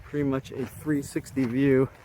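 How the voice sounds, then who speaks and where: A man's voice: medium pitch, flat delivery, normal speed, warm tone. Out-of-breath man hiking a mountain trail. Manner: casual, enthusiastic, plainspoken. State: out of breath from climbing. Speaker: hiker filming his trip. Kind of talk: casual vlog narration while hiking. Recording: noisy outdoor recording.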